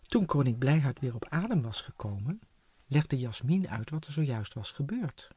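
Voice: medium pitch, sing-song, moderate pace, warm tone, breathy edge, dry recording. A reader narrating a children's storybook expressively, giving each character a voice.

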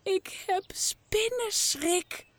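Woman reading as a small scared boy, high voice, whispery, whiny, storybook. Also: very slow, a bit bright, slight background noise, heavily acted. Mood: scared whisper. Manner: frightened whisper, then whiny. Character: scared little boy Teun.

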